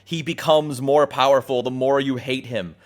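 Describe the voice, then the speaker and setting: This video essay host speaks at a moderate pace with a mid-range voice and fairly even intonation. Scripted narration mixes with casual, profane asides, delivered in an irreverent, jokey, emphatic way as music plays behind him.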